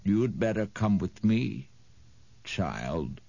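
A sinister, oily old crone, as a male storyteller puts her on, dropping into a low, greasy drawl. She coaxes slowly, every word dripping with menace. Dry, slightly dull audiobook sound. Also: big pitch swings, creaky, mellow, no room sound, full character voice. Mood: oily, menacing. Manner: slow, oily, coaxing and sinister. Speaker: audiobook reader. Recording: dull, dry studio read.

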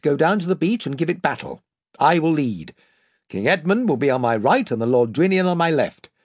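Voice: medium pitch, slightly rough, dry recording, voice pushed up. Young king put on by a reader, firm and bossy, dry close audiobook sound. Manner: firm, authoritative. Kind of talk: audiobook reading.

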